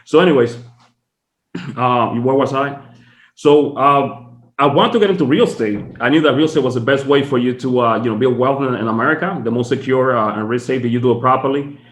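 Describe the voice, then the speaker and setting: A Dominican man, a tax strategist appearing as a podcast guest, tells his story from his home office in a casual, chatty way full of fillers. His mid-range voice moves briskly, and the recording is reverberant.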